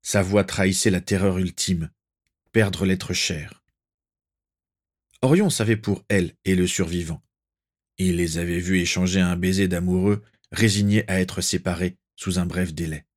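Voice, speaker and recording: A man narrating a fan-fiction story aloud in a measured, dramatic storytelling way. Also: deep voice, fairly even intonation.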